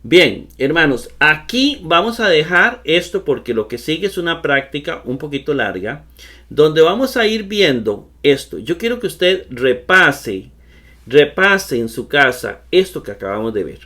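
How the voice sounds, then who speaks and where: A man's voice: fairly high pitch, sing-song, measured pace, sharp tone. A man teaching a recorded online lesson, patient and repetitive, addressing his viewers as brothers. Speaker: Koine Greek teacher.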